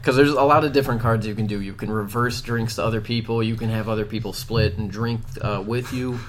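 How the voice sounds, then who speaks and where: A man's voice: lowish voice, steady tone, a little fast, slight background noise. A man hosting a casual group chat, rambling with fillers and laughing often.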